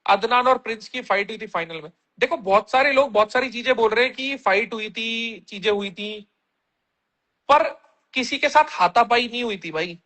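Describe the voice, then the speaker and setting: A man's voice: extremely high pitch, moderate pace, sharp tone. A man on a casual livestream, reading viewer comments aloud and answering them bluntly with plenty of slang.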